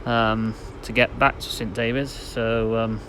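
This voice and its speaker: A man's voice: on the low side, little pitch movement, a little slow, a bit bright. A man giving casual, matter-of-fact trainspotting commentary outdoors on a station platform, a little hesitant. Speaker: trainspotting video host. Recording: noisy outdoor station recording. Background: station and vehicle noise.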